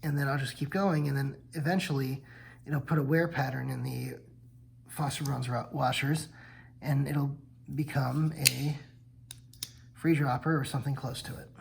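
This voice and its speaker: Poor audio with a bit of hiss or hum captures a tired host yawning late at night as he casually demonstrates knives, his explanations rambling and self-correcting. His creaky, medium-pitched voice stays steady at a moderate pace.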